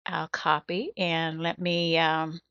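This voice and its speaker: A woman's voice: sits low, level tone, takes it slowly, a bit bright, dry recording, dull audio. A woman hosting a casual interview, speaking in a playful, teasing way. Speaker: interview host.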